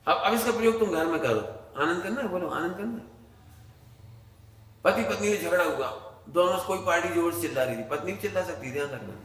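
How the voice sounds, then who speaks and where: A man's voice: sits high, fairly quick, a bit bright. A man giving a religious discourse as a Jain preacher, telling stories and acting out their dialogue. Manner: storytelling with acted dialogue. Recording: echoey hall reverb, faint ambience.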